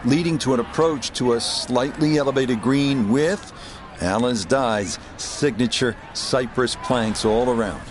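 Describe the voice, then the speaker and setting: A man giving measured play-by-play as a golf commentator. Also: mid-range voice, noisy background.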